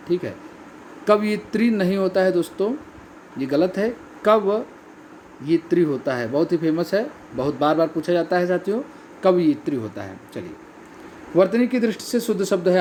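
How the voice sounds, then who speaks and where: Male exam tutor, mellow fairly high voice, repeats key words, faint noise behind. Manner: repeats key words, addresses listeners as friends. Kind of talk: test answer walkthrough.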